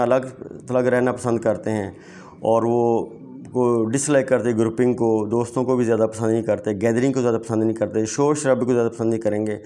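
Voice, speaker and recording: A male teacher giving an exam-prep lecture. He reads each English question slowly, then explains it quickly. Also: mid-range voice, mellow. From Pakistan.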